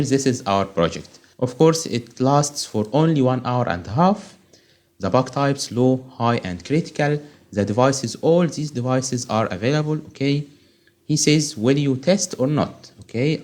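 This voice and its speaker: Speaking in a mid-range, somewhat mellow voice, a male online instructor leads an informal screen tutorial one step at a time. He is a native Arabic speaker with an Arabic accent and keeps pausing to ask "okay?"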